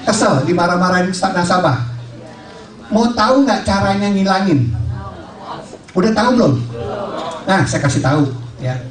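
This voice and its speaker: A man's voice: high voice, moderate pace, long pauses. A man giving a jokey motivational training talk to salespeople, asking the audience questions and acting out little scenes. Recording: echoey room, voice from far off.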